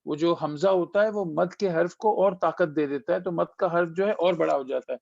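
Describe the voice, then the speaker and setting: Patient man teaching recitation with a gravelly voice. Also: a little high, darkish tone, dry recording, muffled recording. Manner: patient, repeats syllables slowly then explains quickly. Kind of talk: Tajweed lesson, spelling out and reciting syllables.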